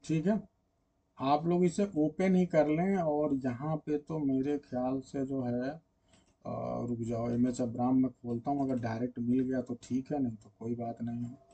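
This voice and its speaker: A man's voice: mid-range voice, fairly even intonation, measured pace, mellow, slightly rough, highs cut off. A man teaching literature in a casual online lecture, chatting directly with his students and drawing out words when he sings an example.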